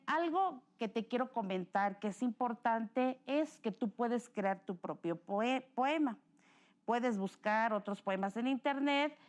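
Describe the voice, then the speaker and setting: A woman with a Mexican accent teaching a recorded lesson, explaining patiently and correcting herself as she goes. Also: a little high.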